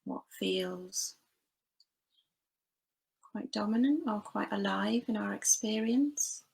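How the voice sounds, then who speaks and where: Leading a body scan meditation, this teacher offers soft, unhurried guidance and leaves long pauses between each phrase. Her medium-pitched voice sounds gravelly, and the audio is poor.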